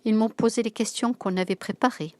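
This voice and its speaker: A woman voicing a plucky young schoolgirl in a storybook reading, talking in a quick, confiding way. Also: on the high side, fairly even intonation, warm tone, voice pushed up, close to an everyday voice.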